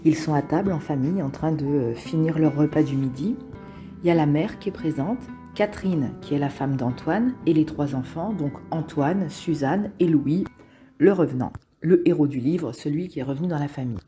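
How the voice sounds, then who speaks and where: A woman's voice: low voice, moderate pace, dark tone, faint music behind. A woman giving a casual spoken summary of a book's scenes, explaining plainly with frequent hesitations. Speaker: literature summary presenter.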